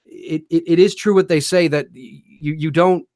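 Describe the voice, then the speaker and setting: A man's voice: a little high, steady tone, normal speed, a little mellow, no room sound. Chatty man in his late thirties, dry sound. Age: 30s. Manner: rambling, many fillers and restarts. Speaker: co-host. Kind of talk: casual live-stream chat. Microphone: video call.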